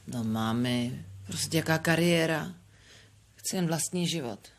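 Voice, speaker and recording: A weary wife near forty. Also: female voice, deep voice. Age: 30s. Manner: weary, defensive, bursts into shouting. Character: exhausted wife and mother near forty, fed up.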